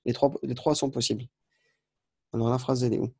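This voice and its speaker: Dry, mellow-voiced man teaching grammar. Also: medium pitch, flat delivery, brisk, vocal fry, husky, no room sound. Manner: explanatory, repeats and corrects himself. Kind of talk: recorded lesson correcting exercises.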